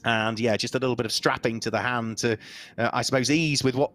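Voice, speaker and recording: A man giving live motorsport commentary, steady and informative as he fills time between race and podium. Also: mid-range voice, brisk.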